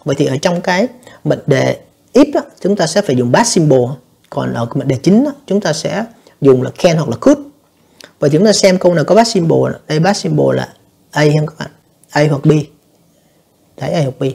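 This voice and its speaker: Fast-talking, gravelly male English teacher. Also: a little high, animated, mellow. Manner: explanatory, addresses students repeatedly, frequent fillers. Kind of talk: exam review lesson.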